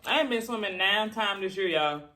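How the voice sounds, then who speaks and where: A woman's voice: medium pitch, animated, sharp tone. Chatty woman, chewing while talking. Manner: chewing while talking, pausing between bites; chatty, colloquial, rambling. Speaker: mukbang vlogger. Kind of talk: casual chat to viewers while eating.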